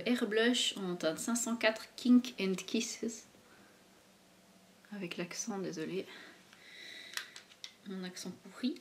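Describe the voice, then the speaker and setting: A woman's voice: fairly low pitch, a little hiss or hum. A young woman, chatting casually about her favorite products as a beauty vlogger, hesitant and full of fillers. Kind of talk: casual product review chat.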